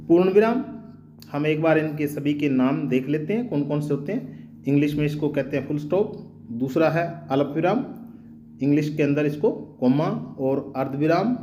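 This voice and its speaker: A man with a fairly high yet mellow, warm voice teaches a grammar lesson. He explains patiently and repeats example phrases with shifting emphasis. A faint hum sits behind him. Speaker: teacher, channel host.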